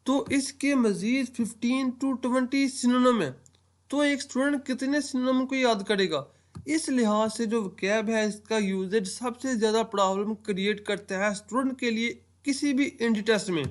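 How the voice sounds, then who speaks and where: A man's voice: very high-pitched, moderate pace. A man from Pakistan giving an explanatory lecture on entry tests, walking through worked examples step by step. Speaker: entry test teacher.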